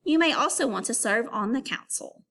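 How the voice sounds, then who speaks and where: Speaking at a moderate pace, this elementary-teacher voice belongs to a woman whose pitch is fairly high and whose intonation is highly animated. She reads aloud to children, giving clear, step-by-step instructions.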